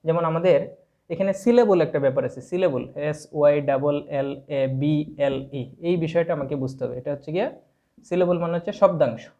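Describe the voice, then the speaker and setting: A man's voice: a little high, normal speed, dark tone. Sylheti accented guy teaching english grammar, spells out words letter by letter, kinda muffled lo-fi audio. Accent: Sylheti Bengali. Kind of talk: classroom grammar lesson. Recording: dull lo-fi sound.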